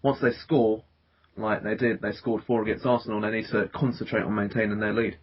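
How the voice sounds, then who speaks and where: A man's voice: fairly low pitch, flat delivery, brisk. A man hosting a casual football podcast, talking with many fillers and restarts. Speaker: podcast host. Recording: dull lo-fi podcast audio.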